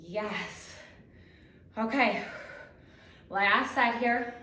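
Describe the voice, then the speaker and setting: In an echoey room far from the microphone, a woman leading aerobics draws out her words while giving brisk, energetic cues and countdowns. Her higher-pitched voice stays encouraging as she works out alongside her class.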